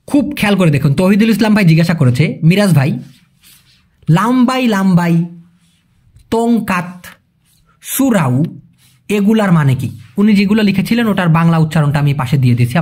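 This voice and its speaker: A man's voice: sits high, very animated, moderate pace, long pauses, darkish tone. A man teaching a language in a casual video lesson, patiently explaining and repeating key terms and quizzing his viewers.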